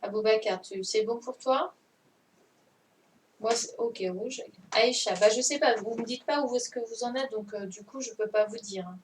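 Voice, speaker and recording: A woman's voice: a little high, normal speed. A woman teaching a primary class over a video call, correcting a dictation patiently and often checking that the children understand. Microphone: computer mic on a video call. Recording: distant mic with faint noise.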